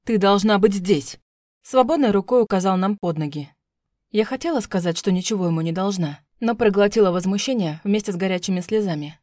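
Woman, audiobook narrator, tense dramatic reading, mid-pitched, dry close recording. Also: fast, a little mellow, dry recording. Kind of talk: first-person audiobook narration.

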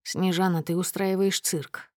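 A woman voicing a calm, resolute young husband who speaks quietly and evenly, in a dry recording. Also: fairly low pitch, normal speed, no room sound. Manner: quiet, level, restrained.

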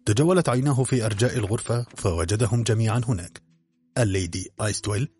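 A man narrating a detective drama in an expressive, measured storytelling manner. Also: on the low side, slightly rough, soft background music.

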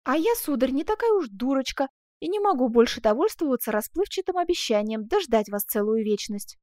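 A woman voicing a jealous, tearful young woman who pleads with her master in an audiobook, speaking high and emotionally. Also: sing-song, fairly quick, mellow, no room sound, clean studio sound. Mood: tearful pleading.

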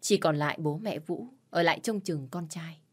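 A woman narrating an audio story in a steady, measured way. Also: deep voice, slightly rough.

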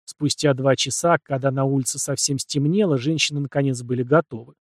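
Man, audiobook narrator, measured dramatic reading, dry studio sound. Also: mid-range voice, fairly even intonation, dry recording.

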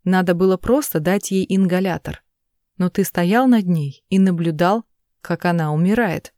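A woman reading the lines of a desperate mother who pleads through tears, in a low, dry voice. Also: moderate pace, mellow, no echo, close to an everyday voice. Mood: tearful pleading. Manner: pleading, urgent. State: crying.

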